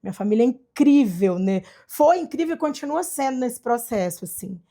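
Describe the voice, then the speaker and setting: A woman from Brazil telling her adoption story in a casual chat, animated and acting out the voices of people she quotes. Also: on the high side, normal speed. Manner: animated, acts out quoted dialogue. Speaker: guest, adoptive mother.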